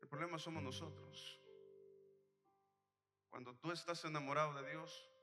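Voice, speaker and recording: A man's voice: on the high side, fairly even intonation, normal speed, sharp tone, in a large hall, soft background music. A man preaching a sermon, telling a story in an emphatic way and acting out the characters. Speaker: pastor.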